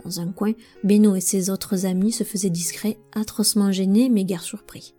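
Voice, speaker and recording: A woman narrating a novel as an audiobook in an expressive, measured way. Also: mid-range voice, faint music behind. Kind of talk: scripted narration.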